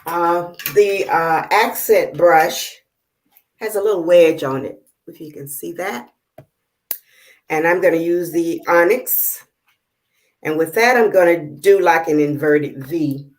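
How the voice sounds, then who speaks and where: Woman host, low voice, casual halting tutorial patter on a video call. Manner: halting, many fillers while working; checks the viewers can see. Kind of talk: casual live demonstration.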